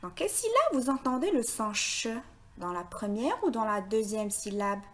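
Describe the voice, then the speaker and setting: A woman's voice: fairly high pitch, big pitch swings, fairly bright tone. A woman teaching young children to read, sounding out words syllable by syllable and praising their answers. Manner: slow, deliberate, syllable by syllable. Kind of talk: phonics lesson for young children.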